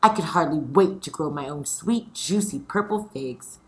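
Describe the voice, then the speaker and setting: Speaking to young pupils, a woman teacher leads a read-aloud session, asking questions, leaving pauses, and reading with plenty of expression. Her voice is deep and expressive.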